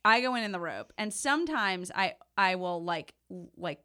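A woman's voice: fairly low pitch, lively intonation, normal speed, bright, forceful tone. A woman hosting a casual podcast chat, eager and explaining things with plenty of "like" fillers. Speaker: podcast host.

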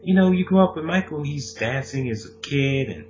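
This man's voice is on the high side and a little mellow, with lively intonation and a brisk pace. Co-hosting a podcast, he chats in a casual, animated way, often breaking into laughter and acting out quotes. The dull lo-fi recording carries a little hiss or hum.

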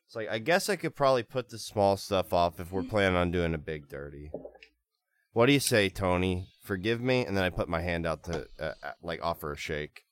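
A man playing a tabletop game, casually describing his character's actions in a joking, halting way. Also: sits low.

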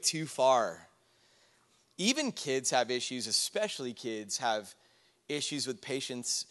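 A pastor with a medium-pitched, fairly bright voice preaches a casual, conversational sermon full of personal stories, chatty asides and fillers. He's recorded in a church sanctuary, a hall with long reverb.

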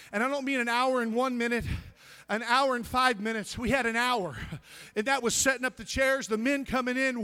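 A male pastor preaching an impassioned sermon, building up to shouted commands and telling a story from his ministry. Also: very high voice.

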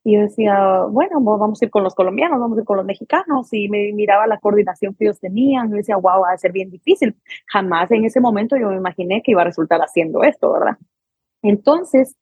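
A woman with a Guatemalan accent tells her own stories as a podcast guest, animated and acting out each person in them. Her voice is very husky and warm. It sounds dry and close. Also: mid-range voice, no echo. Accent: Guatemalan Spanish. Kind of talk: conversational storytelling.

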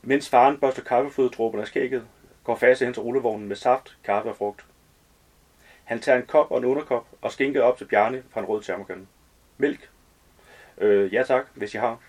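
Male author, calm even reading of his own novel. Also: mid-range voice.

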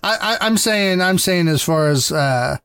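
Casual podcast co-host, male, easygoing, a touch high-pitched, smooth and dry-miked. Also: expressive, moderate pace, fairly bright tone, dry recording. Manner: easygoing, laughs often, repeats words. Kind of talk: casual chat.

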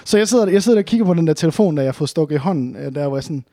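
A man's voice: on the high side, expressive, warm tone. A young man hosting a podcast, boisterous and crude in his joking, laughing often. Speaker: podcast host. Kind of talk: casual podcast banter.

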